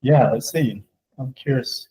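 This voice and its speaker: A man's voice: mid-range voice, unhurried, mellow, slightly rough. A man chatting casually, with reverberant echo from the empty room around him. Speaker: musician, touring drummer. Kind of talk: casual chat.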